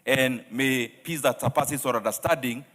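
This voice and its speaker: A man with a Kenyan accent gives a formal parliamentary tribute, speaking in measured phrases with repeated honorifics. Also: medium pitch, fairly bright tone. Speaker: member of parliament. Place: large parliament chamber. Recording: echoey chamber with long reverb.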